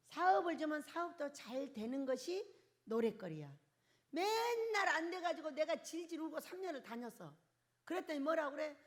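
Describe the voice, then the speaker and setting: Older woman pastor, lively high preaching. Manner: emotive preaching with sudden loud bursts and soft drops; asks the congregation questions. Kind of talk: charismatic sermon. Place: church hall.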